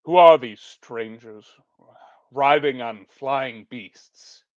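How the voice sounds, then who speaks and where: A man's voice: medium pitch, very slow, no echo, dull audio. A man voicing a blunt, stubborn warrior hero. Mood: insistent.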